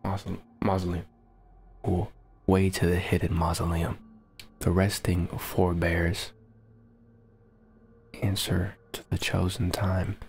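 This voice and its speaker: Low-voiced and slow, with vocal fry and long pauses, a young man streams a game from his home setup on webcam. His let's-play commentary is loose, excitable, full of slang and swearing.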